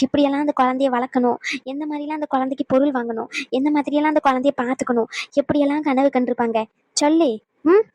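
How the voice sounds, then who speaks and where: A woman's voice: sits high, darkish tone, dry recording, close to an everyday voice. Woman voicing a tearful old cartoon grandmother. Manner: pleading, then scolding. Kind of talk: cartoon voice acting.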